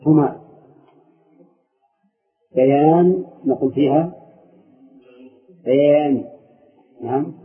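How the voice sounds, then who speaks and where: A man teaching a classroom lesson on grammar, explaining verses and questioning his students as he goes. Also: on the high side. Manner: questions students and corrects them. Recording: tinny phone-like audio.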